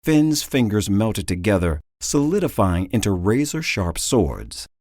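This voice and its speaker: A man narrating an audiobook with a lowish voice that rises and falls dramatically. He tells the story expressively. The studio sound is dry and close. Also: sing-song, a little slow, a little mellow, no echo.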